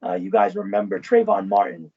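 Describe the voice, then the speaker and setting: This interview guest, once an event manager and now a former professor, speaks in a high, very animated voice with a brisk pace, vocal fry and a breathy edge. The muffled video call carries his casual, expansive talk, peppered with "you know" and "right?"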